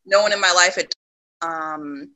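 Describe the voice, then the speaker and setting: A woman from the United States talking reflectively in a casual conversation, often pausing with ums and laughing. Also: fairly low pitch, bright, forceful tone, poor audio.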